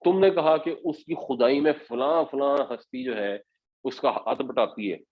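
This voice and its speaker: A man's voice: mid-range voice, animated. Man teaching scripture, muffled sound. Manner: patient step-by-step explaining. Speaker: Quran teacher. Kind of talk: Quran commentary lesson.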